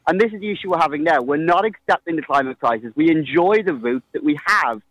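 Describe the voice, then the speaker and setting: Higher-voiced man pressing his point in debate. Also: lively intonation, fast talker, fairly bright tone, dry recording, low-quality recording. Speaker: climate activist guest. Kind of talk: heated debate, making a political argument.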